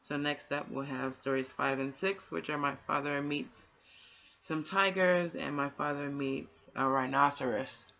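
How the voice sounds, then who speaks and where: On a dull, lo-fi home recording, a low-voiced woman with a slightly bright tone reads a bedtime story for children. Unhurried and fairly even in intonation, she hosts warmly, encouraging her young audience.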